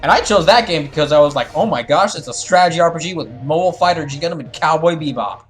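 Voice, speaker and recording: This streamer has a fairly high, expressive voice and talks fast, with faint music behind him. Hosting a live fandub, he reads game dialogue and chats casually with his audience, wandering through explanations and often beginning sentences again.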